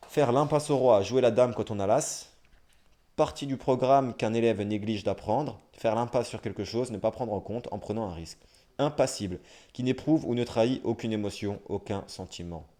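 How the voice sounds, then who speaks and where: A young livestreamer with a lowish, warm voice reads dictionary entries aloud at a brisk pace. He keeps breaking off for wry, self-mocking asides.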